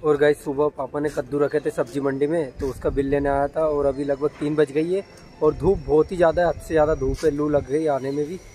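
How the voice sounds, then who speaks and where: A young man casually narrating his day into a phone held at arm's length, his voice sitting a little high for a man. Faint music plays under his talk. He is recording outdoors, among fields and streets. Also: steady tone, a little fast, warm tone. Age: young adult. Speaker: vlogger. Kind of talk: casual daily-life vlog narration.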